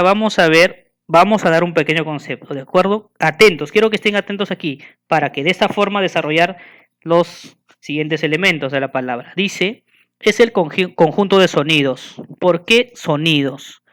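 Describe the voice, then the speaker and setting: A man giving a school lesson, patiently asking the listener questions and slowly spelling and counting things out. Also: high voice, fairly bright tone, clear, resonant tone. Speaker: teacher.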